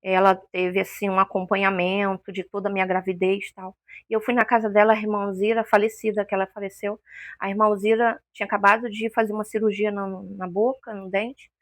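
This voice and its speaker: A woman's voice: mid-range voice, flat delivery, fairly quick, fairly bright tone, no room sound, studio quality. A woman giving an emotional personal testimony as an interview guest, a vivid storyteller who acts out the voices she quotes.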